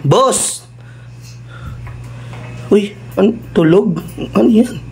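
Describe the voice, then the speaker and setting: A man's voice: sits high, drawn-out words, gravelly, darkish tone, a little hiss or hum. A man acting, saying "boss" in nearly every line, mock-polite and then swearing. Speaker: comedy skit creator. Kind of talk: comedic skit acting.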